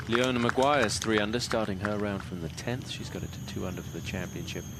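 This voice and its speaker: Low-voiced male golf commentator. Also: steady tone, fairly quick, heavy background noise. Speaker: lead golf broadcast commentator. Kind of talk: live sports commentary with statistics.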